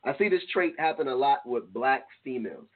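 A man co-hosting a casual talk show, animated and profane, often laughing and breaking into shouts. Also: mid-range voice, a little fast. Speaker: podcast co-host. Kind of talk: casual chat show banter. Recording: tinny phone-like line.

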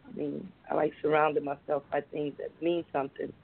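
A woman's voice: low-pitched, little pitch movement, fairly quick, gravelly. A woman calling in to a radio show over a phone line, rambling and hesitant with many fillers. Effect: caller heard over a phone line.

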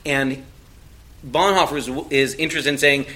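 A man's voice: mid-range voice, moderate pace, sharp tone. A man in a conversational theological discussion, talking discursively and rephrasing as he goes. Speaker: podcast panelist.

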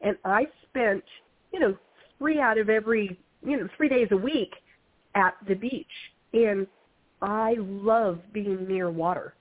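A woman's voice: medium pitch, a little slow. A woman in her fifties, an author guest, talking frankly and energetically in an interview conversation. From United States (Ohio, North Carolina). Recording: tinny phone line.

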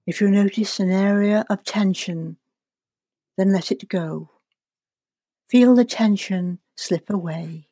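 A woman leading a guided relaxation and visualization in a calm, soothing, deliberate way, leaving long pauses. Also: mid-range voice, dry recording, studio quality. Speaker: guest leading a guided meditation.

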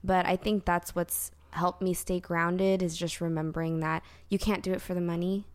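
A woman born in Korea and raised in the Bay Area, a singer-songwriter talking warmly and reflectively as an interview guest. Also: on the low side, flat delivery, moderate pace, dry recording. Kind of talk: casual interview.

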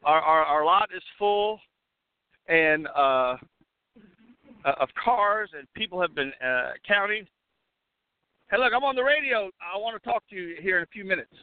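A man hosting a casual live call-in show while roving outdoors at an event, talking with many fillers and restarts, coughing and clearing his throat now and then. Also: high-pitched, expressive, moderate pace, pauses often, no echo. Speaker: host. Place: outdoors at a railway depot event. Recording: tinny phone line, dry.

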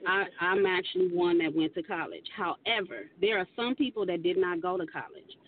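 A woman's voice: lowish voice, fairly quick, distant mic, phone-quality sound, slight background noise. A woman co-hosting a radio talk show, speaking earnestly and at length, often restarting her sentences.

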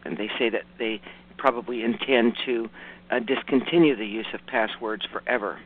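A raspy, hoarse man hosts an informal radio news show. He reads items hesitantly, corrects himself and drops in folksy comments. The sound is narrow and phone-like, and his pitch sits in an ordinary male range. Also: moderate pace. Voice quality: raspy, rough voice. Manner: self-correcting, hesitant delivery with folksy asides. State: hoarse from hay fever. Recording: muffled, narrowband radio broadcast.

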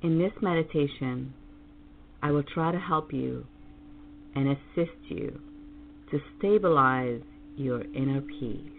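A woman leading a guided meditation as host, in a calm, soothing, meditative tone. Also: very deep voice, slow, creaky, slight background noise. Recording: dull lo-fi audio under loud music. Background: loud meditation music with singing bowls.

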